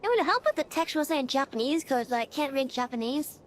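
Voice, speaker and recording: This streamer rambles chattily and fills her talk with fillers, her voice processed by an AI voice changer. It's high-pitched with lively intonation and a brisk pace, plus a little background noise.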